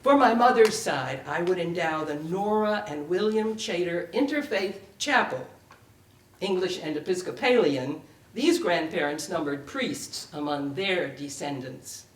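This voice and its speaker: An older woman, a writer, gives a live dramatic reading of her own personal essay at a library event room. She reads slowly and deliberately but animatedly, her pitch moving expressively through each literary phrase. The sound is roomy, from a distant mic, with faint noise.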